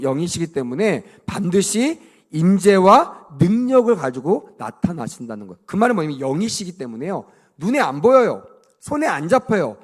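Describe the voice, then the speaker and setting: A pastor giving an animated children's sermon in church, leading the kids in call-and-response and asking them questions. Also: male voice, sits high. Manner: asks the children frequent questions. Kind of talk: children's sermon at vacation Bible school.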